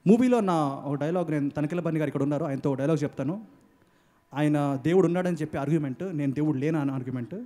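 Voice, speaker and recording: A man's voice: fairly high pitch, rapid-fire, dark tone. A man, the lead actor bantering playfully on stage at a film launch and mixing English into his talk. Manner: playful, mixes English into Telugu. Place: stage at a crowded launch event.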